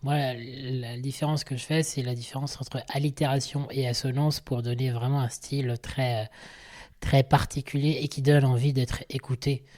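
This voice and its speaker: A man's voice: medium pitch, little pitch movement, normal speed, a little mellow. A man hosting a podcast interview, engaged in the talk and offering concrete examples. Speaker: podcast host. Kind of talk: conversational interview.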